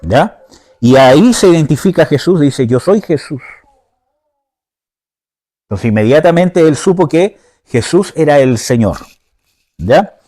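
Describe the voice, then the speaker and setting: A man's voice: on the high side, expressive, a little slow, long pauses, mellow. A man giving an informal teaching sermon, often checking in with his listeners and searching aloud for words. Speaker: preacher.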